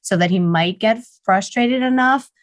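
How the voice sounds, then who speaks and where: A woman dog trainer giving steady, practical advice in a casual roundtable. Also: medium pitch, moderate pace, no room sound, studio quality. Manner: steady, instructive, lists options plainly.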